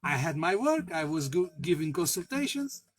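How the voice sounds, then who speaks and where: A man who is a spiritual worker, telling a personal story in a halting way, with many fillers and restarts, laughing at himself and swearing now and then. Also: fairly high pitch, very animated, husky, low-quality recording. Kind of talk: casual spoken anecdote.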